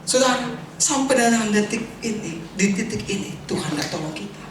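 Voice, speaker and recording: High-voiced man preaching in an echoey hall. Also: brisk. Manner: animated preaching, laughing often, bursts into song. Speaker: pastor. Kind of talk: sermon with testimony. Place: church hall. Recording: very echoey hall from far off with noise.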